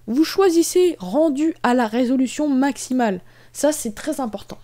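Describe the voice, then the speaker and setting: A woman's voice: high voice, dark tone. A young woman walking viewers step by step through a video-editing tutorial, casual with frequent fillers. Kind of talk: screen-recorded software tutorial.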